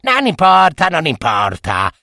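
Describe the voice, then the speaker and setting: A man voicing a cunning red-haired witch who talks in a teasing, sing-song, drawn-out way. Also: fairly high pitch, huge pitch swings, vocal fry, bright, forceful tone, dry recording, clean studio sound, voice pushed up, full character voice.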